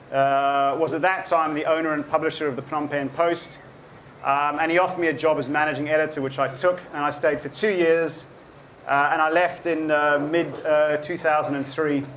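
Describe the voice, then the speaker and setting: At a book event, a South African author in his forties gives a talk to an audience in a fairly high, slightly bright voice for a man. He's thoughtful, often pausing with ums and restarting sentences as he gathers his thoughts. A faint room hiss runs underneath.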